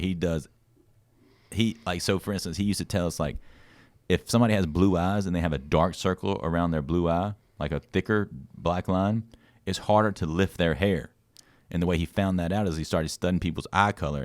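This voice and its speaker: Profane storytelling podcast host, male, low voice, dry close sound. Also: no room sound. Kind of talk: casual podcast chat.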